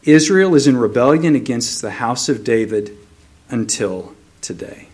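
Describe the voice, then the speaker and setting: A man preaching a sermon, reading scripture aloud in a slow, measured way, then explaining it. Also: medium pitch, animated, darkish tone.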